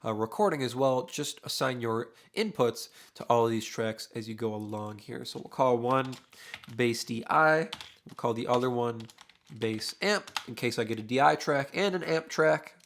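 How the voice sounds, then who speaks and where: A young mixing engineer, losing his voice so it sounds a little worn, walks through a casual screen-recorded studio tutorial, relaxed and thinking aloud with plenty of uhs as he works. His pitch is medium and his speed normal. Drums sit behind him in his home studio.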